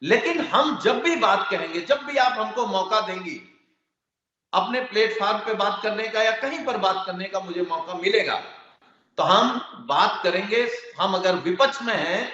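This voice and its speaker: High-voiced man arguing over an echoey line. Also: animated, unhurried, sharp tone. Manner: argumentative, builds points with repeated lists. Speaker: opposition panel guest. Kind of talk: televised political debate. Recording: very echoey, dull remote feed.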